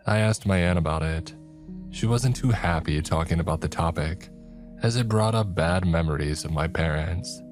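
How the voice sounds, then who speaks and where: A man with a very low voice narrates a first-person horror tale. He speaks in a slow, hushed way, while soft music plays faintly underneath. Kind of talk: scripted horror story narration.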